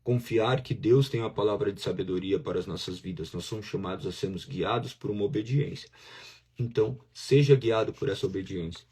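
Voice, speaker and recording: A man's voice: on the low side, a little fast, a little mellow, husky. A man with a Brazilian Portuguese accent preaching a sermon as pastor, in a conversational way that acts out inner voices as dialogue.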